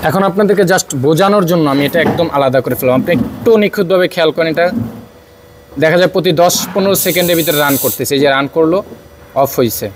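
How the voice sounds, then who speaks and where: A man's voice: on the high side, fast talker, background noise. A man with a Bangladeshi accent, a car mechanic explaining a fault while he works, with many filler sounds. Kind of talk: workshop demonstration.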